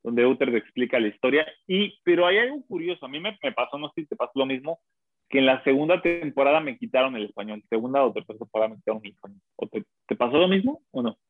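A man's voice: medium pitch, lively intonation, fast talker, dry recording. Guy joking around in a casual chat, dry tinny line. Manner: jokey, laughing, does silly impressions. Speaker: podcast co-host.

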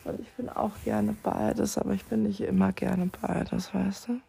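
A woman vlogger rambling in a drifting, dreamy way, thinking aloud and now and then dropping to a soft whisper. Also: mid-range voice, fairly even intonation, unhurried, vocal fry, slightly rough. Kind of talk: rambling casual monologue.

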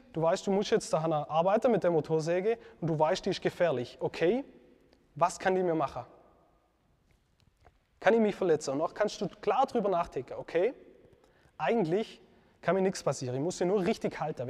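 A man giving an earnest devotional teaching talk, reflective, pausing with fillers and correcting himself. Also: high voice, a little mellow, big-room sound.

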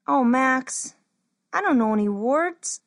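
A woman's voice: sits high, lively intonation, slow pace, full character voice. Corley, a woman playing a sweet young cleric. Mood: affectionate. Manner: affectionate, teasing. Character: young female cleric apprentice, sweet and playful.

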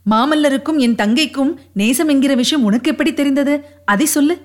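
A spirited young wife with quick, proud retorts, as a woman reading a novel aloud voices her. Her voice is high and clear. She speaks with sure, witty confidence. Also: close to an everyday voice.

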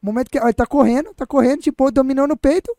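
Guy talking fast on a footy podcast, pushy, dry close sound. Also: extremely high pitch, warm tone, no echo. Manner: insistent, keeps urging others to look at the replay. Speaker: podcast panelist. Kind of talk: heated sports debate.

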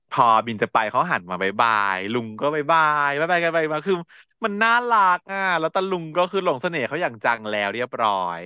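A man's voice: medium pitch, dry recording, clean studio sound. A man co-hosting a casual podcast chat, recapping a series with frequent laughs and acted-out quotes. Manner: animated, laughing often, acts out characters' lines. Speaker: podcast co-host.

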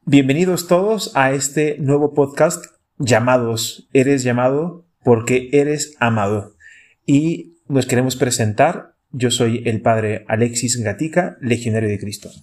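A man's voice: mid-range voice, unhurried, a little mellow. A man in his thirties from Chile with a Chilean Spanish accent, a priest hosting a podcast and talking reflectively, asking the listener direct questions. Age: 30s. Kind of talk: casual pastoral podcast talk.

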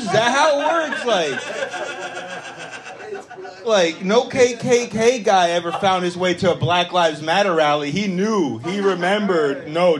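A man from the United States, a comedian and podcast host, talking in a loose, laid-back way with many fillers and casual swearing. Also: sits high.

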